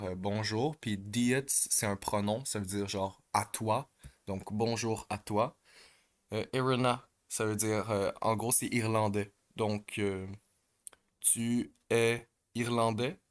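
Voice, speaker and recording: A man talks through his practice exercises at an unhurried, drawn-out pace. His voice sits a bit low, and he stops often to search for words, filling the gaps with hesitations. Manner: hesitant, many pauses and fillers. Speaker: language learner explaining exercises. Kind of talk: casual step-by-step explanation.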